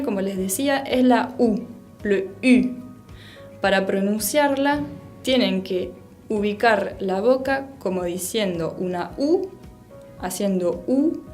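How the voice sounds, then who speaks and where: A woman's voice: medium pitch, darkish tone. A woman whose first language is French, teaching a pronunciation lesson and patiently repeating each sound to model it.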